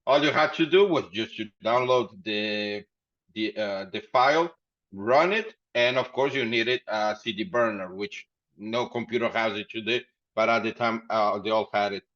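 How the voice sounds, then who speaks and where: Speaking at a normal speed in a lowish, fairly bright voice, a man recounts founding his company as a podcast guest. The interview is casual and full of rambling and laughter, captured with dull lo-fi quality.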